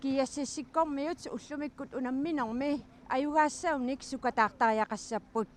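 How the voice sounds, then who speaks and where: A woman reporting and asking questions in a brisk way. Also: sits high, noisy background. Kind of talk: news report and field interview.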